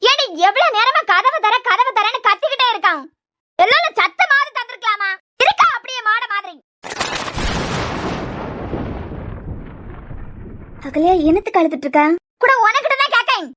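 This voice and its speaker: A woman with a Kanyakumari Tamil accent voicing a sharp-tongued middle-aged mother who scolds loudly in a cartoon serial. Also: sing-song, rapid-fire, slight background noise, full character voice. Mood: shrill. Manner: scolding, shrill.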